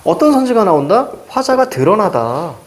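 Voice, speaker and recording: A middle-aged male teacher leads an exam-prep literature lecture. His voice sits a little high and leaps up and down as he talks, and he keeps throwing quick questions at his students. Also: sing-song.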